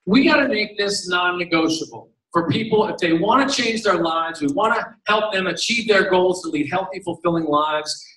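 A middle-aged man gives an emphatic motivational speech from a stage, hammering home a slogan. His voice is high and bright and carries some force. It is heard from a distance in a large, echoey hall. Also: normal speed, hardly any pauses. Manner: emphatic, repeats a slogan, tells stories with quoted voices. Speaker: company executive addressing coaches.

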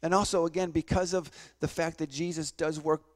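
A man's voice: on the high side, fairly even intonation, a little fast. A man preaching a sermon as pastor, telling a personal testimony and acting out the voices of people in his story. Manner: storytelling, acts out voices, repeats words.

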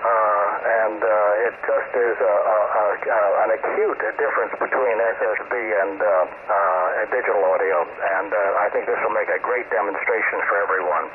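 A man talking casually as an amateur radio operator, heard through a single sideband shortwave signal that sounds like slightly mistuned ham radio, halting and full of fillers. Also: on the low side, fairly even intonation. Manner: halting, stumbles over words with many fillers. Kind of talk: casual on-air radio chat. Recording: tinny noisy shortwave radio.

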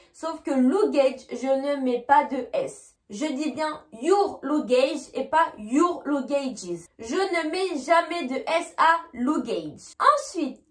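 A woman teaching an English grammar lesson, explaining clearly and repeating points, slowing down on each example sentence. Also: sits high, fairly bright tone, reverberant.

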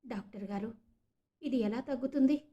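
A woman's voice: on the high side, fairly quick, dark tone, dull audio, lightly acted. A woman voicing a distressed young daughter who speaks in a choked, crying voice. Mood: tearful. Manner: choked, sobbing voice.

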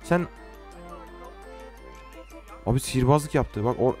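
A teenage man from Turkey giving casual, joking gameplay commentary, talking to game characters and swinging from quiet mutters to sudden shouts. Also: mid-range voice, lively intonation, takes it slowly, soft background music. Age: late teens. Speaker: gaming YouTuber.

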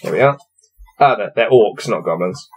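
Laughing at his dice rolls, a young man in his twenties reads aloud from a fantasy gamebook at his desk indoors, in a small, cluttered room with shelves. His voice is lowish and husky with lively intonation at a normal speed, over soft background music.

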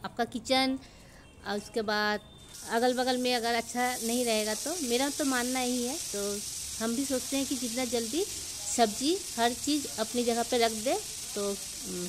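High-voiced Bengali-accented woman cooking at home. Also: noisy background. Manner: chatty, homely, with slight slips in Hindi. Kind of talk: casual cooking vlog narration. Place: home kitchen.

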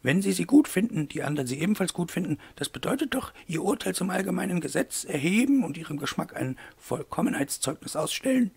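Male reader doing a prim older ex-nurse, high insistent voice, gravelly undertone. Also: very animated, fast, hardly any pauses, a little mellow, exaggerated voice. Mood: lecturing. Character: prim older woman, former nurse, probing. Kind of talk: audiobook reading.

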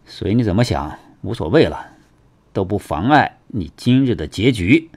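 A man voicing a calm, self-assured young male cultivator who makes cold, matter-of-fact threats in a storybook reading. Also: on the low side, moderate pace.

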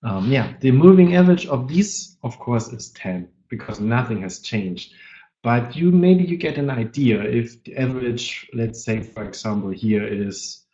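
A man who is not a native English speaker presents a live trading webinar, talking haltingly and searching for words while he has a cold. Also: medium pitch, expressive, warm tone. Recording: dull lo-fi webinar audio.

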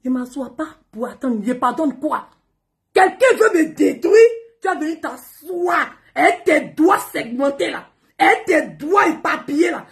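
A woman, talking straight to her followers in a scolding, confrontational rant and often repeating herself. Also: high voice. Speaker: social media personality. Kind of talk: angry direct-to-camera rant.

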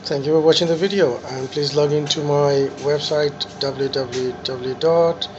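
Male cooking host, slightly high voice, clipped ingredient call-outs, noisy kitchen behind. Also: steady tone, measured pace, dull audio. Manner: names each ingredient in short phrases. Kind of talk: casual cooking narration. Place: restaurant kitchen.

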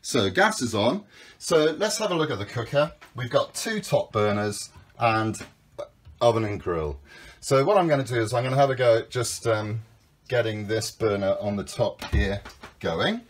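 A sailing school skipper in his fifties, speaking at medium pitch with a breathy edge, leads a relaxed walkthrough of a small yacht. He covers the outside and then the cabin, explaining things practically and warmly while filming on a handheld phone.

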